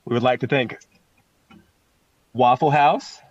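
A man's voice: mid-range voice, takes it slowly, no room sound, dull audio. A man chatting casually as a storm chaser on a panel show. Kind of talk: casual chat.

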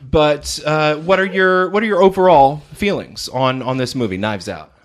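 A man's voice: on the high side, animated, moderate pace. A man co-hosting a casual movie review chat, opinionated and critical, with frequent fillers. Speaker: podcast co-host reviewing films.

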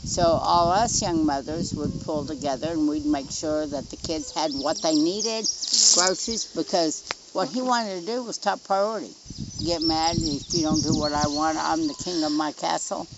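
This middle-aged woman has a low voice, a rural Oklahoma accent, and a moderate pace, heard through heavy background noise. As an interviewee and mother, she recounts events she lived through in a blunt, matter-of-fact, conversational way. The interview recording is muffled, with music playing underneath.

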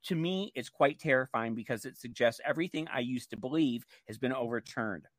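A man's voice: medium pitch, fairly quick, no echo. A man co-hosting a radio show, talking casually and reading aloud.

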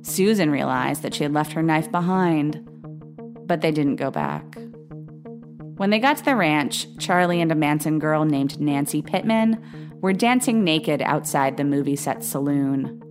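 Female true-crime narrator, low voice, grave and steady, light music bed. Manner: measured, grave storytelling with quoted voices. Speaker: podcast narrator.

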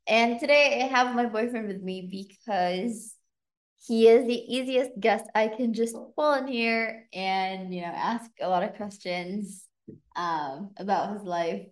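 A woman hosting a podcast in casual chat, thinking aloud with relaxed fillers. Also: medium pitch, a little slow. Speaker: podcast host. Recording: echoey room.

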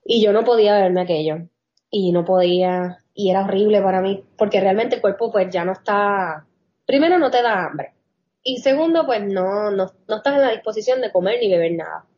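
A woman from telling a personal story in a casual chat, animated, laughing often and mixing in English phrases. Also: medium pitch, fairly quick. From Puerto Rico. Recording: dull lo-fi audio.

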